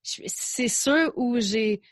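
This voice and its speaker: A woman's voice: a little high, extremely slow, dry recording. A young adult woman with a Québécois French accent, a podcast guest talking candidly and chattily, slipping in English words and restarting her sentences. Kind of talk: casual interview chat.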